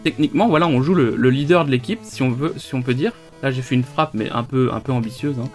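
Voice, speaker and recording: A man's voice: mid-range voice, quick pace, faint music behind. A man hosting a retro gaming video, chatting loosely with many hesitations and restarts. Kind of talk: casual gameplay commentary.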